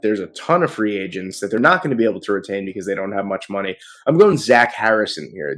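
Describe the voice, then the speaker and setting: Guy rattling off draft picks all hyped up, stumbles and restarts a lot, faint music under him. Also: lowish voice. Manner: excited, rapid-fire picks with frequent restarts. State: short of breath. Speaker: sports video host. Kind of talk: casual mock draft commentary.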